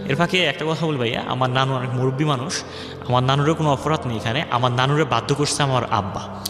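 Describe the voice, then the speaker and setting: Medium in pitch and fast in delivery, this young man shares his life story on the radio, rambling and imitating what others told him. Music plays underneath, and the recording has echoey, hall-like reverb.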